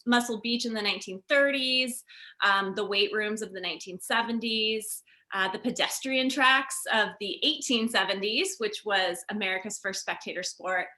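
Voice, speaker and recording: A woman author being interviewed, explaining her research in a conversational way with many fillers. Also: mid-range voice. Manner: animated, explanatory, with frequent fillers. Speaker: author and guest.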